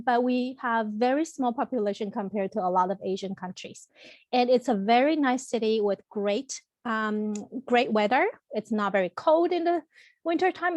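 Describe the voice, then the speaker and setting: A woman from Taiwan, a college representative, gives an online information presentation to prospective students over a computer mic on a video call. She is friendly and explanatory, with frequent ums and restarts. Her voice is a little high and a little mellow, and the recording is dry.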